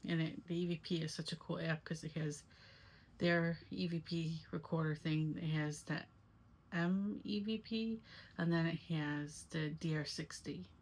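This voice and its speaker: A woman's voice: low-pitched, fairly even intonation, a little slow, slightly rough. A woman giving a casual, rambling first-person recap as an amateur paranormal investigator vlogger. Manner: rambling, conversational.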